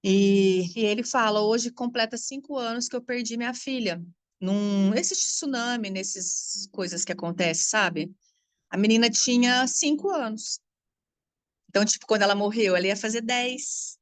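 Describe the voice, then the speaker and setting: A Brazilian woman with a somewhat high voice gives a casual astrology talk. She is animated and frank, with blunt, salty asides. The sound is close and dry. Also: moderate pace, dry recording. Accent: Brazilian Portuguese. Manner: animated, frank, swears freely, laughs often. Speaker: spiritual coach teaching astrology. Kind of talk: casual spoken talk to an audience.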